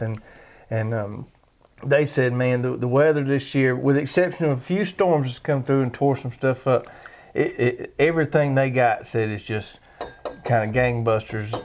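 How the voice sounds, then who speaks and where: A man with a Southern American accent, talking in an easygoing, rambling country way about the garden. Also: medium pitch. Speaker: garden show co-host. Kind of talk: casual chat.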